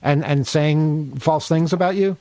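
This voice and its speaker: A man hosting a call-in radio show, talking in a halting, easygoing way with many restarts. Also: a little high, mellow, no room sound. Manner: halting, lots of fillers and restarts. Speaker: radio host.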